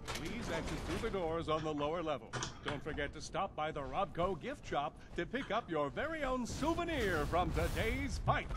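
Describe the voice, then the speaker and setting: A man as a high-pitched, bombastic fight game announcer. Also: lively intonation, background noise, close to an everyday voice. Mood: showman sign-off. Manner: bombastic fighting game announcer delivery, drawn-out showman calls. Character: hyped, cheesy arena announcer for robot battles. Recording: loud music and game sound behind.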